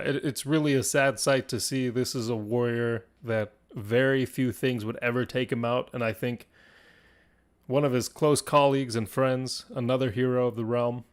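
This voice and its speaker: Man dramatically narrating a fantasy battle. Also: medium pitch. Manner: dramatic suspense-building narration with casual asides. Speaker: livestream host. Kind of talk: improvised fantasy storytelling.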